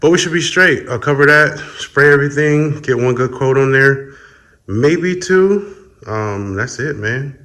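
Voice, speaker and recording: A man's voice: mid-range voice, lively intonation, a little slow, pushed and bright. A man, an auto body painter, chatting casually to viewers while his voice echoes around an enclosed paint spray booth. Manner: chatty, addresses viewers directly. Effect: reverberant echo of an enclosed spray booth. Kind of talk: casual how-to vlog. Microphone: phone camera.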